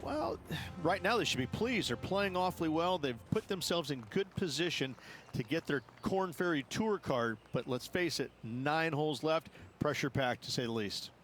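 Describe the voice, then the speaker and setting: A man playing an opinionated golf commentator, giving emphatic, measured analysis in a video game. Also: a little high, animated, a bit bright, soft background music. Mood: emphatic, appraising. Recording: clear outdoor ambient noise behind.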